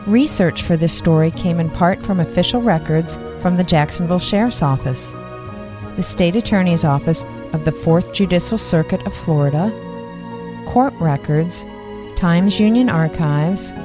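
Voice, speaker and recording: A woman investigative reporter narrating a podcast in a measured, earnest scripted read. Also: fairly low pitch, music in the background.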